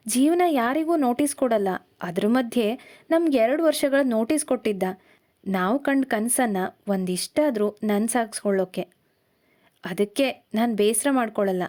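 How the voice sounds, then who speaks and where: A woman voicing a calm, gentle young husband in a storybook reading, speaking softly and steadily. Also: fairly high pitch, moderate pace, close to an everyday voice. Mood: quiet acceptance.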